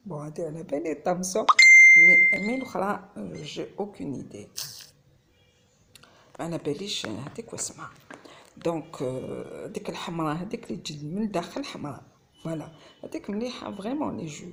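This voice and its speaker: In her home cooking vlog, this woman talks casually in Algerian Arabic peppered with French, with an Algerian accent. She sounds expressive and a little fast, her lowish voice gravelly, with background noise behind her.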